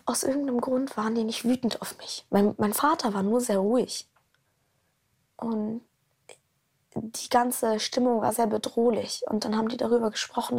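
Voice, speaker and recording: A woman recounting her own life story in an interview, halting, repeating words and sometimes dropping to a whisper. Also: on the high side, creaky, darkish tone, slightly rough. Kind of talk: personal account in an interview.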